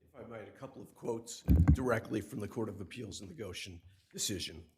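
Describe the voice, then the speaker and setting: An appellate attorney makes an oral argument before judges in a courtroom, speaking emphatically at a podium mic and often repeating words as he quotes case law. His voice is low and brisk, with heavy background noise.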